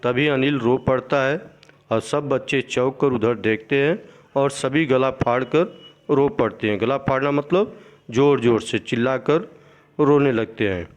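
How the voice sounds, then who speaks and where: A man's voice: medium pitch, unhurried. A male teacher explaining a lesson, retelling a play and glossing words in simpler terms, often repeating himself. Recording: dull lo-fi recording.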